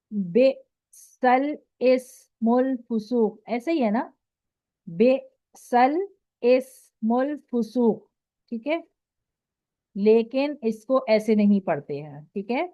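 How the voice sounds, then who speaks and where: A woman with an Urdu accent teaching Quran recitation rules in an online lesson. She explains patiently, keeps checking with "okay", and recites her examples slowly. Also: fairly high pitch, mellow, dry recording. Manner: slow drawn-out recitation of examples. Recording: dry, dull lo-fi audio.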